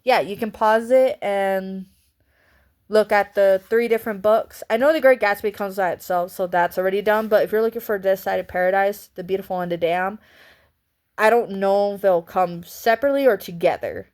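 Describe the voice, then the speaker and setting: A woman's voice: medium pitch, normal speed, darkish tone. A woman giving a casual vlog book review in a chatty, rambling way, often breaking into laughs.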